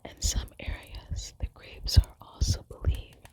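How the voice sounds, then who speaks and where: A woman doing a scripted ASMR reading of facts in a hushed, librarian-like whisper, with measured, deliberate delivery. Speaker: ASMR presenter.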